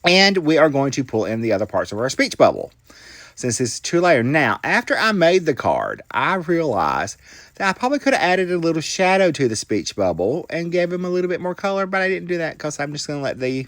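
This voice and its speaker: A man's voice: a little high, very animated, brisk, a bit bright, no echo. A middle-aged man, casually narrating a card-making tutorial with folksy, self-deprecating asides to his viewers. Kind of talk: casual crafting tutorial voice-over.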